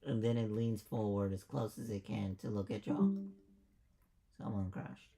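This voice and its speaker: A man's voice: fairly low pitch, steady tone, unhurried, music in the background. A man acting as game master, casually narrating and explaining a tabletop game.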